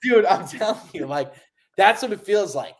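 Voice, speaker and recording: A young man co-hosting a casual chat, excitable and rambling, stressed, swinging from low mumbles to loud bursts. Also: moderate pace, creaky. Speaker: podcast co-host.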